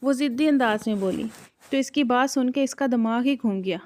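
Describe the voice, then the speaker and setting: A woman narrating a romance story in a steady, scripted storytelling read. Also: a little high.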